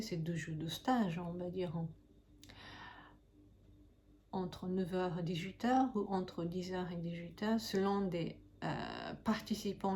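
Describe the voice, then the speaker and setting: A Reiki master teacher who runs her own channel explains things casually to camera, hesitating and searching for words, with background noise behind her. Her voice is fairly low and warm.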